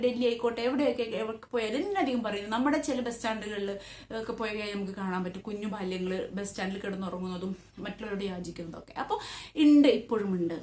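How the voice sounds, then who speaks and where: A woman teacher with a Malayali accent, reading English text slowly and then explaining it quickly, with rhetorical questions to students. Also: fairly high pitch, darkish tone. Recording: echoey room.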